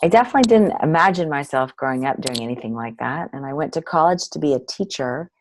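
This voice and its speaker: A woman's voice: low-pitched, lively intonation, fast, slight background noise, rough recording. A middle-aged woman, a nonprofit director, telling her story earnestly as an interview guest.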